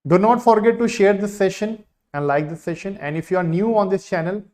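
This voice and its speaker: A man with an Indian accent, an online teacher, giving an insistent, repetitive sales pitch to his live class. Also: fairly quick, a little mellow. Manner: insistent sales pitch, repeating key phrases.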